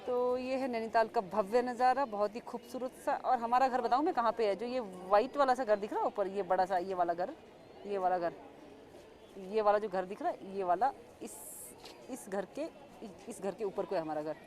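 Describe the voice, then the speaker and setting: Walking through a crowded market street, an Indian-accented vlogger narrates casually to her viewers at a normal pace, repeating herself and pointing things out. Her voice is medium in pitch and darkish. She films on a phone with no external mic, picking up the crowd and passing traffic.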